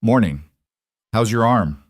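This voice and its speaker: A man voicing a guarded, lonely frontier woman who speaks softly and haltingly in an audiobook story. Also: lowish voice, expressive, no echo, studio quality. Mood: gentle.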